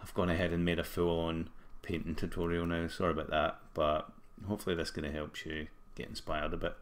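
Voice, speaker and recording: A man with a broad Scottish accent and a groggy throat, casually thinking aloud through a screen-recorded software tutorial. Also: low voice, completely flat delivery, a little fast. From Scotland. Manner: informal, thinking aloud while working. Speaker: tutorial presenter.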